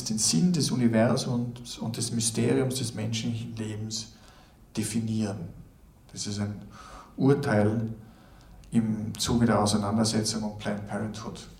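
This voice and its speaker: Measured, deliberate man lecturing. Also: medium pitch, vocal fry, a little mellow. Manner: measured, deliberate, lists ideas in series. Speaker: speaker giving a lecture. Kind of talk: reflective spoken lecture.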